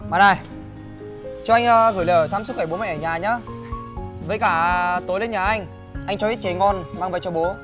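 A man's voice: sits high, moderate pace, long pauses, music in the background, natural voice. A man playing a bossy, hot-tempered young shop owner, with blustering, stammering threats, over crowd noise. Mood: gruff. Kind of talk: comedy sketch acting.

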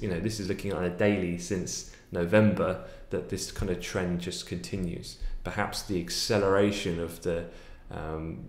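Deep-voiced man analysing markets. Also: echoey room. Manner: fluent and analytical, with frequent fillers. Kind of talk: daily market commentary. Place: small home office room.

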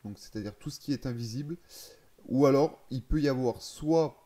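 A man's voice: mid-range voice, normal speed, dark tone. A man casually explaining a game's settings, thinking aloud, hesitating and correcting himself as he goes. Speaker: gaming video creator.

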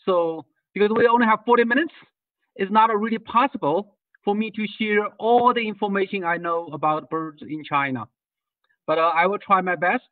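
Heard through tinny video-call audio, a man from Tibet lectures online about birding tours at a normal speed. His voice sits high, he hesitates with many fillers and restarts, and the dry recording is set back from the mic.

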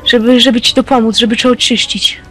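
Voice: mid-range voice, level tone, brisk, fairly bright tone, natural voice. Someone doing a creepy brainwashed ex-friend in a minecraft story, preachy and menacing, game music going behind. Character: friend turned fanatical servant of a dark lord. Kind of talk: Minecraft role-play voice acting.

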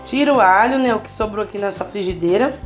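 Speaking fast at a medium pitch, this cooking channel host has a Brazilian Portuguese accent and leads a casual home cooking tutorial from her kitchen. She chats with her viewers as she cooks, constantly checking in with them, while soft music plays underneath.

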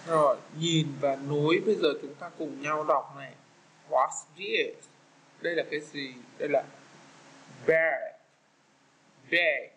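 A man with a Vietnamese accent teaching young children English, patiently walking through an exam and repeating each word slowly. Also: on the high side, a bit bright, a little hiss or hum, rough recording.

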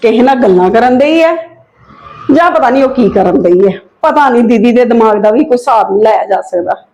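A woman playing an aunt in a family drama, reasoning calmly and pleading for patience. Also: on the high side, a little fast, dull audio. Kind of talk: acted family drama dialogue.

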